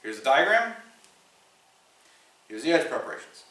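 A man's voice: medium pitch, very animated, normal speed, recorded from a distance. A man in his thirties teaching welding step by step, explaining things in a practical, matter-of-fact way in a home garage workshop. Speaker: welding instructor. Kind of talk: instructional demonstration. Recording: echoey garage from afar with fan hum.

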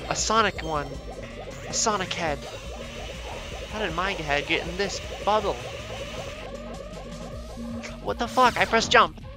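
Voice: mid-range voice, normal speed. A streamer giving exasperated gameplay commentary, cursing often and scolding the game character. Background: game music.

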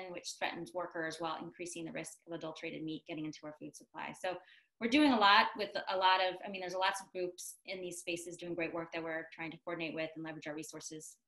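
A woman in her thirties briefs a webinar panel, brisk and informed. Her voice is bright and a little low-pitched. The laptop webcam picks up a roomy echo. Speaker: advocacy panelist. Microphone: laptop webcam on a video call. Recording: echoey room on a video call.

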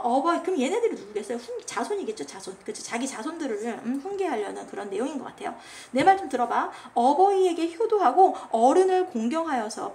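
A Korean literature teacher with a high, somewhat dark voice gives a chatty lecture on a classical poem, with slight background noise. She often checks that her listeners are following and acts out the poem's commands in a scolding tone.

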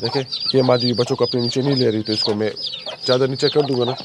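A hoarse man, a poultry breeder chatting casually through a walkthrough and coaxing his birds. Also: medium pitch, fairly even intonation, quick pace. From Pakistan. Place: outdoor yard by chicken cages. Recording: noisy outdoor recording with chickens. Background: clucking chickens.

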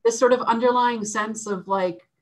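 A woman speaking as a guest in a panel discussion on a video call, hesitant, with many fillers and soft laughs. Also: on the high side, fairly even intonation, moderate pace, poor audio.

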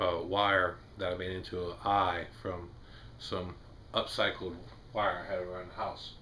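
A low-voiced Southern man in his forties explains things in a plain, rambling way. His pitch stays flat and even. A faint hum of the small wood-paneled room sits behind him. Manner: plain-spoken, rambling with restarts and fillers. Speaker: homestead vlogger. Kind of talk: casual how-to video.

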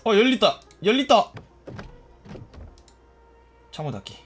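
Animated man commenting on gameplay. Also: high voice, measured pace, soft background music. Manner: animated, jokey, swears and yelps at enemies. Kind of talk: casual let's-play commentary.

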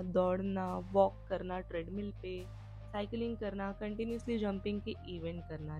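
A woman with a warm, medium-pitched voice does an instructional voice-over for a fitness vlog. She explains the exercises and reminds viewers about posture and rest.

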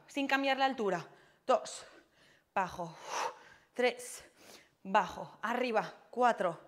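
A young female fitness instructor with a medium-pitched voice cues a floor workout with counts. She exercises along, out of breath and letting out short puffs of breath.

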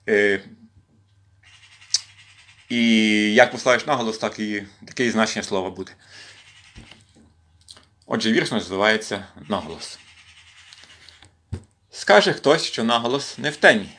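A man from western Ukraine reading poems aloud in an expressive recitation during a home livestream. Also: on the low side, unhurried, long pauses. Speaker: poetry reader in a volunteer series. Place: at home with his cat.

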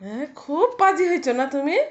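A woman's voice: high-pitched, lively intonation, brisk, highs cut off. A woman filming her dog at home, switching between playful mock scolding and cooing baby talk.

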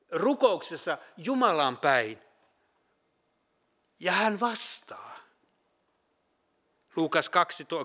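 A man preaching a sermon in a Finland Swedish accent. He talks earnestly, rising to emphatic peaks and dropping to hushed quiet, with halting restarts. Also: fairly high pitch. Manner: halting restarts with Finnish filler sounds.

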